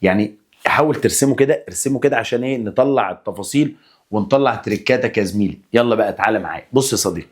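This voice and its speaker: A man's voice: on the low side, rapid-fire, husky. A young man with an Egyptian accent, teaching a chemistry exam review in a chatty, coaxing way, answering his own questions as if he were the student. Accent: Egyptian Arabic. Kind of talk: energetic exam-review lesson.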